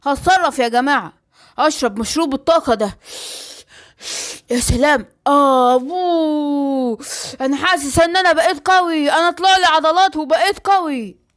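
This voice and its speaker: A woman's voice: high voice, normal speed. Abu Simba, a woman doing a boastful lion dad. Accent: Egyptian. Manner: boastful, lively. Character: brave boastful male lion father. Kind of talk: cartoon voice acting.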